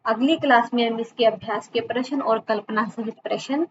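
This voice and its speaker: A woman's voice: on the high side, moderate pace. A woman teacher explaining a schoolbook story to children, reading each sentence and then saying it again in simpler words. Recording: dull lo-fi recording with steady background noise.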